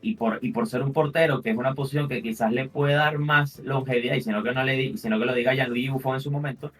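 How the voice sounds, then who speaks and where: A man's voice: medium pitch, steady tone, fast, far from the mic, soft background music. A man giving casual football analysis as a commentator, in long winding sentences with repeated points of emphasis.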